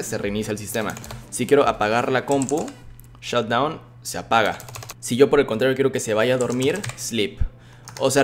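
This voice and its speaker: A young man giving a relaxed, chatty software tutorial, full of fillers and restarts. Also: medium pitch, a little hiss or hum. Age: young adult. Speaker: tech YouTuber.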